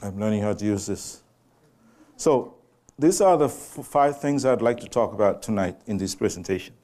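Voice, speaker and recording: Low, mellow-voiced man lecturing. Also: animated. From Samoa. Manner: unhurried, quizzes the audience directly. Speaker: guest lecturer. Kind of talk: public lecture presentation. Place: lecture room with a live audience.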